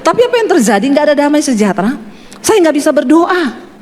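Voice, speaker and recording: A woman from Sulawesi preaches a sermon in a bright, high voice. She tells stories in a chatty way and puts questions to the congregation. The sound carries a long hall reverb. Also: big pitch swings, fast. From Sulawesi, Indonesia.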